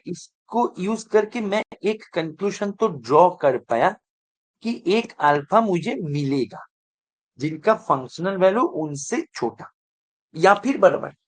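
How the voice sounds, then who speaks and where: A man's voice: high voice, lively intonation, measured pace. A male math teacher giving an online exam revision lecture, mixing English terms into his talk and often asking whether students are following. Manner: keeps checking if students follow; mixes English terms into Hindi.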